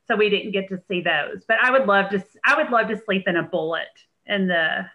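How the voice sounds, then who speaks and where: A woman guest in a casual podcast chat, telling stories in an animated way. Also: medium pitch, a little fast, dull audio. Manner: storytelling, animated.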